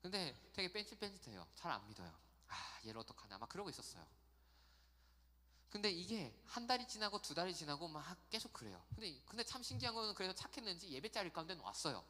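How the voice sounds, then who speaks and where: A man giving a youth sermon in a church, chatty and animated, telling stories and acting out quotes. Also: high-pitched, fast talker, long reverb tail. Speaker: youth pastor. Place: church sanctuary.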